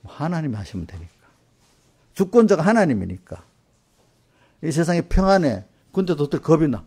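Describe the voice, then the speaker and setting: A man's voice: on the high side, big pitch swings, moderate pace, darkish tone, breathy edge. A middle-aged male pastor giving a conversational sermon in a church, often checking in with the congregation with short tag questions. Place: church sanctuary.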